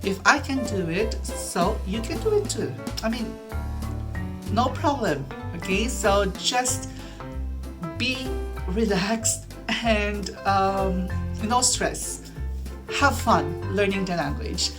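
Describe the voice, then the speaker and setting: Filipino-accented woman, 30s, patient language teacher, unhurried delivery, music bed behind. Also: medium pitch, lively intonation. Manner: slow, encouraging, repeats each word three times. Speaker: French teacher. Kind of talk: language lesson, repeat-after-me drills. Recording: background music.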